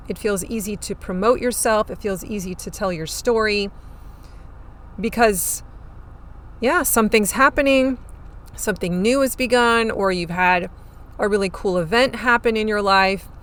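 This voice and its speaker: Chewing gum while she chats, a woman runs her own podcast on marketing for farms, sounding upbeat and talkative. Her medium-pitched voice has a little scratchy hoarseness and a fairly bright quality.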